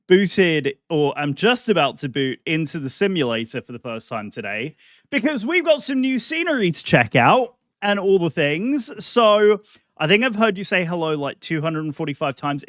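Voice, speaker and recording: A British man with a high voice that swoops up and down as he chats on a livestream. He is excitable, playful and effusive with his greetings. His delivery is unhurried and the sound is dry and close. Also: no echo. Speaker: live streamer. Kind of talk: casual livestream chat greeting viewers.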